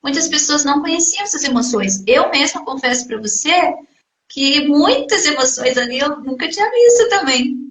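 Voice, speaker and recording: A woman's voice: sits high, expressive, normal speed, a bit bright. A woman hosting a casual live conversation, talking directly to her viewers. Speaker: host of a live stream. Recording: roomy echoey sound.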